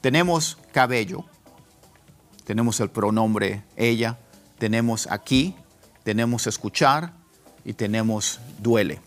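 A man whose first language is Spanish, teaching English pronunciation and repeating word pairs slowly to contrast them, with faint music underneath. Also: lowish voice. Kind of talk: casual pronunciation lesson.

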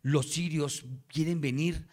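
A man voicing an old male prophet who warns his king in a low, hushed, confiding tone. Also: steady tone, takes it slowly. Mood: urgent warning.

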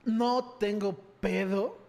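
A man's voice: sits high, steady tone, slow, gravelly, a little mellow, long reverb tail. A man with a Mexican Spanish accent, co-hosting a casual chat among friends, slangy and argumentative. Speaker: podcast co-host.

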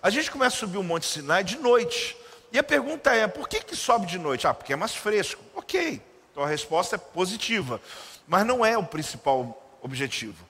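A man preaching a sermon as pastor, telling a story with animated delivery and acting out the voices of its characters. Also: high-pitched, moderate pace, husky, big-room sound.

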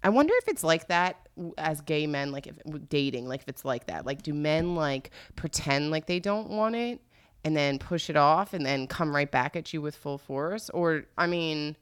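A woman's voice: low voice, smooth. A woman hosting a casual talk show, chatting candidly and playfully to listeners and reading aloud. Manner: candid and playful, with acted-out asides. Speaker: host.

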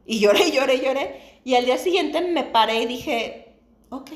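A woman's voice: high-pitched, a little slow, reverberant. A woman in her thirties with a Mexican accent, co-hosting a casual chat podcast and telling personal stories openly, with frequent laughter. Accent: Mexican Spanish. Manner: candid, laughs often, animated storytelling. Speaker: podcast co-host.

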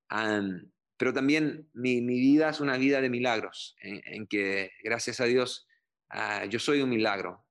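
Earnest low-voiced pastor from Chile. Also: male voice, fairly bright tone. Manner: earnest, halting with fillers. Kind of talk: interview testimony.

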